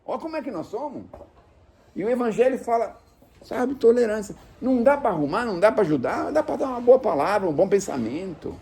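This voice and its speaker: Animated man giving a folksy sermon. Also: high voice, a little fast. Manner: animated, folksy, uses diminutives and acted asides. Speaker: Spiritist lecturer. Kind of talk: informal spiritual lecture.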